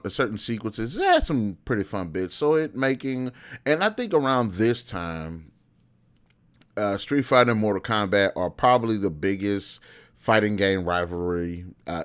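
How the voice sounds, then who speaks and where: A man of roughly thirty, pitched fairly low with a clear, resonant tone, hosts a video reviewing films adapted from video games. His unscripted take is casual, rambling, and full of opinions.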